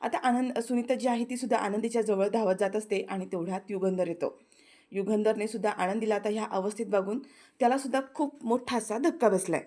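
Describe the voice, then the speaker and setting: A woman with a Marathi accent, talking through a TV serial episode as a casual recap. Her voice sits at an everyday middle pitch, and she slips into short acted lines for the characters as she goes. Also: fairly even intonation, brisk, mellow. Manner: retells scenes, briefly acting out characters' lines.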